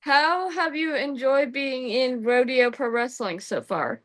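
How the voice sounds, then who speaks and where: A woman with a high voice conducts a relaxed, informal interview. She speaks slowly, with a playful fan's way of talking. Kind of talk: casual interview.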